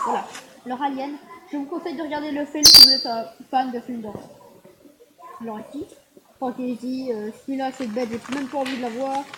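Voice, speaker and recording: A woman vlogger chatting excitedly and rambling with fillers as she comments on her screen. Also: high-pitched, very noisy. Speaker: gaming vlogger. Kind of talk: casual screen-recorded commentary.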